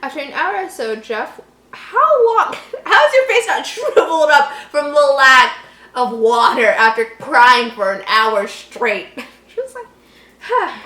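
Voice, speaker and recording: A host reads an online horror story aloud in a high-pitched, bright, forceful voice with big pitch swings and a measured pace. She keeps it casual, giggling and breaking off to mock the text with joking asides. The room has an echo, with faint background noise.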